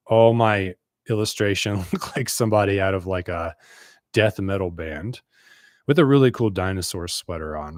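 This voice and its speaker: A man's voice: low-pitched, dry recording, studio quality. A man in his thirties from the United States, a business coach telling his own story to camera in an earnest, conversational way.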